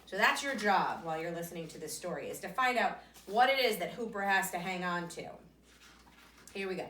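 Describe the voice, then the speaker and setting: A woman's voice: fairly low pitch, expressive, brisk, pushed and bright, slight background noise. A woman teacher reading a storytime lesson to young children, coaxing them with questions. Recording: roomy echo, voice from the mic's distance.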